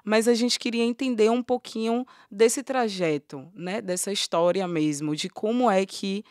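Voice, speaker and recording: A woman hosting a podcast, speaking thoughtfully with frequent pauses and fillers. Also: mid-range voice, darkish tone, no room sound, studio quality. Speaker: podcast host. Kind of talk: casual podcast conversation.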